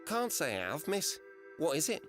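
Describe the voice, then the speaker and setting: A folksy travelling musician. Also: male voice, on the high side, wildly swooping pitch, normal speed, fairly bright tone. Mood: easygoing. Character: friendly travelling musician man, young adult. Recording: game audio over music.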